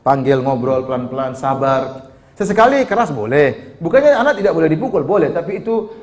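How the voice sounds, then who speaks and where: A man's voice: fairly high pitch, sing-song, a little fast, darkish tone. A man preaching a sermon, putting questions to the audience and repeating key words for emphasis.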